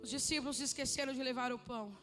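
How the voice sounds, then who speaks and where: High-voiced fervent Brazilian woman preacher. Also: fast, long reverb tail, faint music behind. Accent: Brazilian Portuguese. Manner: swings between fervent shouting and hushed intimate speech; calls out listeners by name. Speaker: pastor. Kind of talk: Pentecostal sermon.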